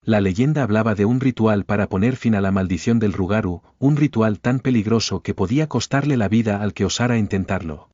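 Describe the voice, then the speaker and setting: A man tells a first-person horror tale in a fairly low voice. His delivery is solemn and dramatic, clearly scripted narration. The recording is dry, with a somewhat dull, lo-fi tone. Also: brisk, few pauses, darkish tone, no echo.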